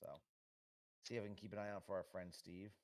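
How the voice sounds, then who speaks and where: A man under forty hosts relaxed remote commentary, talking along in a chatty, easygoing way. His voice sits low and sounds dry and close. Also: quick pace, no echo. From United States. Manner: chatty, easygoing, with frequent fillers.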